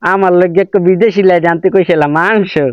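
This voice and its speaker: A man's voice: high voice, steady tone, fairly quick, background noise, close to an everyday voice. An actor playing a doting, fussy old grandfather in a comic village drama, scolding and fussing. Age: older. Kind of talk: comedic village drama acting. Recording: dull lo-fi audio, faint music.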